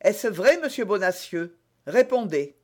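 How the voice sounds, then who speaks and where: A bold young musketeer leader, as a male reader puts him on, issuing brisk, commanding orders in a raised, bright voice. He is clever and self-assured in this storybook telling. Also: high-pitched, sing-song, voice pushed up, full character voice. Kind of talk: audiobook reading.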